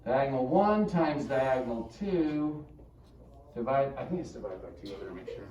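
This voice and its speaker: A man's voice: medium pitch, expressive, moderate pace, darkish tone, dull audio, a little hiss or hum. A male math teacher giving a casual classroom lecture and checking in with the class often. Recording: echoey room, mic far off.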